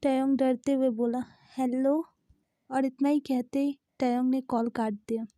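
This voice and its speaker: A woman narrates a fan-fiction story in a plain, steady voice. Her tone is high yet mellow. The recording is close and dry. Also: normal speed, no echo.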